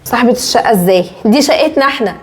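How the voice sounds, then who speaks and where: An actress playing a young Egyptian wife who calmly coaxes an upset older woman. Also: a little high, very fast, a little hiss or hum, close to an everyday voice. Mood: puzzled. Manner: coaxing, calming. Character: young wife, kind and soothing to a stranger. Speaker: wife of the buyer. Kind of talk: web drama acting.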